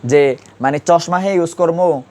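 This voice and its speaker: During a classroom lesson, an Urdu grammar teacher quizzes students with repeated questions. He has a fairly high pitch and warm tone, speaking a little slowly.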